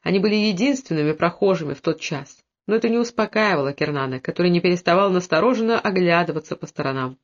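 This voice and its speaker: A man reading a historical novel aloud in steady storytelling narration, dropping his voice lower for the characters' lines. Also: fast, hardly any pauses, lo-fi sound. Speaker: audiobook narrator. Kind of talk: scripted narration.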